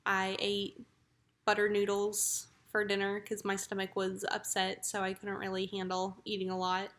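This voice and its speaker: A woman speaks casually, as if updating viewers on a personal vlog. Her pitch sits in a middle range and stays fairly flat. She sounds matter-of-fact and reflective as she talks. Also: normal speed. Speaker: vlogger.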